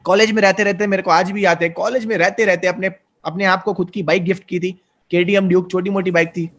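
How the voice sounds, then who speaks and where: A man's voice: high-pitched, flat delivery, fast talker, a bit bright. A man in his twenties, a network marketing guest, giving an earnest and persuasive motivational interview. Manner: earnest, persuasive, mixes English terms.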